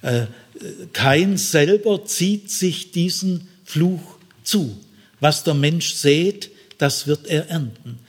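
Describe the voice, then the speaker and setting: A man preaching a sermon in a folksy way, often tagging his sentences with a questioning aside. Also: a little high. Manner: folksy, frequent tag questions. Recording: long reverb in a hall.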